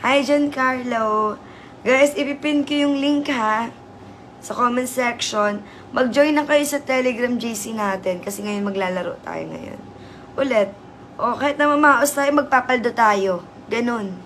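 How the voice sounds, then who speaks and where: A hoarse woman hosting a casual livestream, chatty and teasing as she greets viewers. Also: a little high, a little slow, a bit bright, a little hiss or hum. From Southern Leyte, Philippines. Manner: chatty, teasing, laughs often. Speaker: livestream host.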